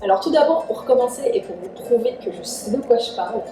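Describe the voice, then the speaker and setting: Animated and slightly quick, a young woman with a voice on the high side shares earnest relationship tips in a chatty vlog, sprinkling in plenty of "en fait". Born in Iran, she's recorded in an echoey room on a distant mic, with faint music in the background.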